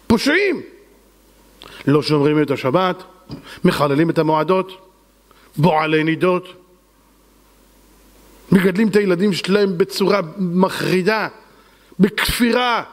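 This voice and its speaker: A man's voice: sits high, long pauses, big-room sound. A man preaching a sermon as a rabbi, fervent and dramatic, acting out the voices he quotes.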